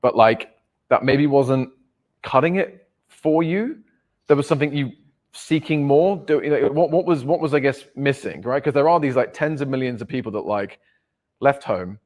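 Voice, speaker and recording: A man's voice: mid-range voice, normal speed, a little mellow. A man hosting a podcast, talking in a rambling, casual way, full of fillers and checking for agreement. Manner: rambling, filler-heavy, seeks agreement with "right?". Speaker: podcast host. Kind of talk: casual conversation.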